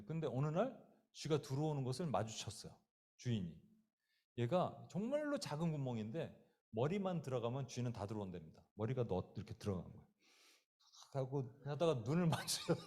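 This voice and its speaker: A pastor delivers a sermon in a mid-range, slightly dark voice, telling vivid stories and performing the voices in quoted lines. He speaks directly to his listeners, even calling on them and a child by name.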